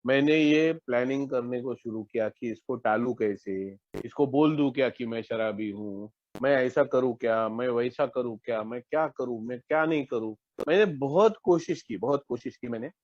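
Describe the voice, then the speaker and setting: A man's voice: mid-range voice, normal speed, a little mellow, dry recording, lo-fi sound. A man from India with a Mumbai Hindi accent, telling his recovery story in an online meeting and acting out both sides of his phone talks. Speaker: AA member sharing recovery story. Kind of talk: personal testimony in an online meeting. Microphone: online call mic.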